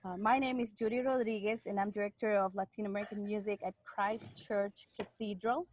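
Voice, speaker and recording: A woman's voice: medium pitch, fairly even intonation, brisk, darkish tone, rough recording. Woman hosting a video call. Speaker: host, church music director. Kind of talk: casual video call introduction.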